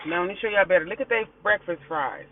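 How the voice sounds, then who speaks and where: A man's voice: sits high, fast, slight background noise. An American man chatting casually to viewers during a mukbang in a car, talking with his mouth full and murmuring between bites. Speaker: food vlogger. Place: inside a parked car. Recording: thin phone-like sound in a car.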